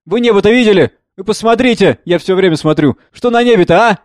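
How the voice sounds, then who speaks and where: A man reading the part of a wounded peasant with a hoarse, mocking voice. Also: sits high, expressive, fast, no echo, studio quality, voice pushed up. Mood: rough, mocking.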